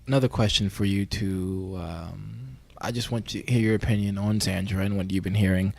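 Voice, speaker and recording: In a mock-investigative interview, a man plays an earnest, awkward amateur podcast host who hesitates and rambles with deadpan delivery. His voice sits on the low side and sounds gravelly, at a normal pace.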